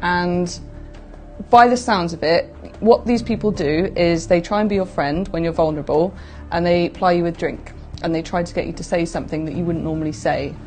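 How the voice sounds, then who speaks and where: A woman's voice: on the low side, normal speed, darkish tone, soft background music. A woman, giving a candid, casual account. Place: domestic kitchen, indoors.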